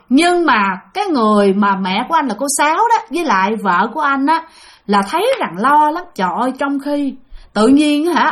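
A woman with a Southern Vietnamese accent tells a ghost story in a chatty, casual way, often speaking straight to her listeners. Her voice sits high with a fairly bright tone.

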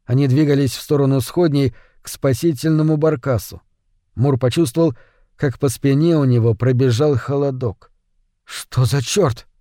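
A male narrator reading a novel aloud in an even, measured way. His voice is warm and mellow, and the recording is close and dry with no room sound. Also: mid-range voice, dry recording. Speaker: audiobook narrator. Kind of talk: scripted narration.

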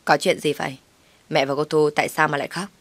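A woman's voice: low voice, fairly even intonation, quick pace, no room sound. A woman voicing a hot-tempered young husband who scolds his wife curtly. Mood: angry.

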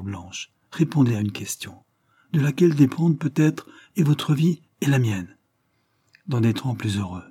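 A man's voice: medium pitch, warm tone, husky, natural voice. A man reading aloud, voicing an ardent young general who speaks with urgent passion. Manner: urgent, impassioned, commanding.

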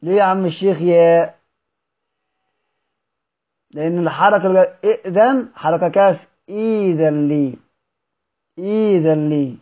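A man with an Egyptian Arabic accent teaching Quran recitation in a recorded lesson. He asks questions, answers them himself and draws out example words slowly. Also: sits high, muffled recording.

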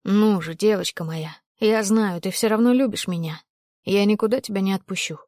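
A woman's voice: mid-range voice, moderate pace, darkish tone, dry recording, clean studio sound, lightly acted. A woman voicing a drunk, possessive young man who speaks harshly with false tenderness, in an audiobook reading. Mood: menacing.

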